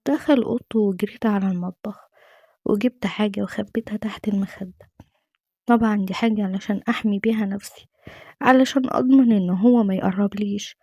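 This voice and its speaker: A woman's voice: mid-range voice, fairly even intonation, quick pace, mellow, no room sound, clean studio sound. A woman with an Egyptian Arabic accent, narrating a dramatic true-life story in the first person with earnest emotion.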